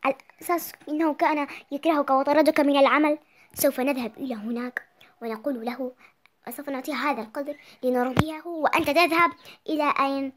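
A young reader voicing a bossy, scheming poor wife who keeps ordering her husband to be quiet. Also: high-pitched, fairly even intonation, quick pace, a little hiss or hum.

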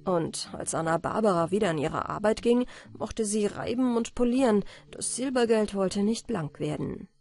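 A woman reads a fairy tale at bedtime in a calm, expressive way. Her pitch moves a lot, and her voice has a slightly husky, breathy edge. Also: moderate pace, few pauses. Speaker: audiobook reader.

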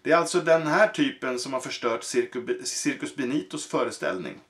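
A man's voice: medium pitch, expressive, fairly bright tone. A burly circus strongman from a children's story, grumbling and menacing in a voice close to the narrator's own. A man reads him out. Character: rumbling male circus strongman.

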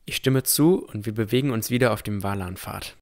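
A man with a low, gravelly voice delivers brisk first-person scripted narration for a fantasy audio drama. He plays a cautious, thoughtful young male explorer recounting his adventure, and the mood stays calm.

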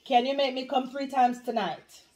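A woman's voice: sits high, steady tone, moderate pace, a little mellow. A woman in her thirties with a Jamaican accent, chatting casually and playfully in a challenge game at home. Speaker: couple vlogger playing a challenge game. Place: home room, indoors.

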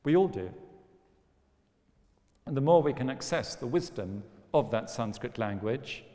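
A man's voice: medium pitch, animated, a little slow, warm tone. A man lecturing on philosophy in a wry, storytelling manner. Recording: long hall reverb.

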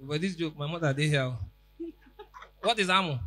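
Young nigerian man, high bright voice, teasing stage banter, handheld mic, comedy show host. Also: lively intonation, normal speed, a little hiss or hum. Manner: teasing, playful, loud bursts. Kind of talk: stand-up banter in pidgin. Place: large tented event hall, on stage.

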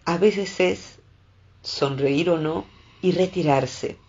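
Expressive Rioplatense woman psychologist, lo-fi. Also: on the low side, slow. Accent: Rioplatense Spanish. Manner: expressive, acts out quoted voices. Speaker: psychologist and columnist. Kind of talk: reflective advice talk.

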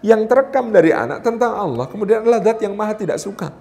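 High-pitched male preacher, animated seminar delivery to mothers, acts out family moments. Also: fast, creaky. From Indonesia. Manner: animated, acts out mother and child voices, addresses mothers directly. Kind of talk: lively seminar talk. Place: hotel function hall.

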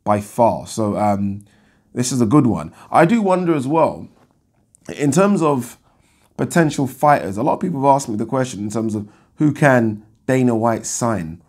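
A man in his thirties with a croaky, just-woken voice, giving casual commentary to camera in a conversational way. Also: medium pitch, expressive, moderate pace, a little mellow. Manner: conversational, rhetorical questions with 'right?' tags. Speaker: boxing talk show host. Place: indoors, small furnished room.

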